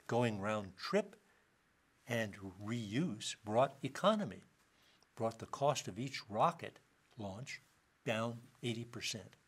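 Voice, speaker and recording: A man's voice: medium pitch, expressive, slow pace, slightly rough. Man giving a dry, witty lecture. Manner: dry wit, reads quotations aloud. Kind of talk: university lecture.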